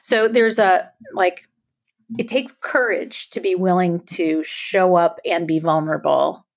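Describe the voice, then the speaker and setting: A middle-aged woman talks earnestly as a podcast guest, her voice sitting low. There is a gravelly fry running through it. She keeps tagging her points with "right?". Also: steady tone, unhurried. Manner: earnest, emphatic, frequent "right?" tags. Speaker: guest author. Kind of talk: reflective podcast conversation.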